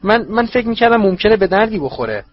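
A man voicing a frightened, cringing male servant who stammers and pleads in a husky voice. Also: high-pitched, big pitch swings, highs cut off, pitched above the performer's own voice. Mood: nervous. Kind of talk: audiobook character voice.

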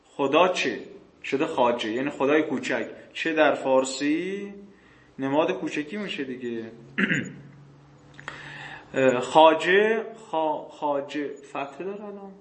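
A male teacher giving a classroom lecture on grammar texts. He asks questions and answers them himself, reads passages slowly, and often clears his throat. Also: on the high side, echoey room. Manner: reads passages slowly, then explains faster.

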